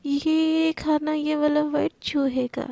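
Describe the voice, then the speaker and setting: A woman's voice: high voice, flat delivery, takes it slowly, gravelly, dark tone, dry recording, heavily acted. A woman voicing a playful, bossy young woman boss who coaxes and orders in a storybook tale. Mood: coaxing. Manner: coaxing, bossy.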